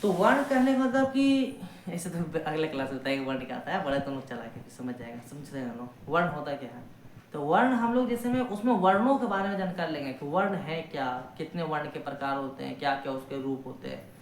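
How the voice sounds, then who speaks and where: A man's voice: fairly high pitch, reverberant, a little hiss or hum, poor audio. A man teaching a Hindi grammar lesson online, explaining step by step in a colloquial way and asking the class questions. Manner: colloquial, folksy sayings, reads examples slowly.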